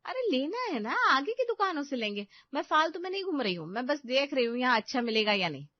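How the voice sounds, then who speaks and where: A woman voicing a nosy, quick-tempered elder sister-in-law in an animated story, pushy and sharp-tongued. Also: high-pitched, no room sound. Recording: dull lo-fi dry recording.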